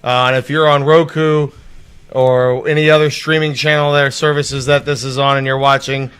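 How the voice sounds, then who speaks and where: Bright-voiced man hosting a casual chat. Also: medium pitch, normal speed, clean tone. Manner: loose, profane, excitable. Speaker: host.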